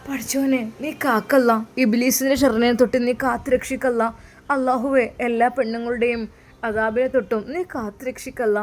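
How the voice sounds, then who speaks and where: A woman's voice: a little high, normal speed, natural voice. A woman voicing an anxious, devout young wife who pleads in prayer. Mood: pleading.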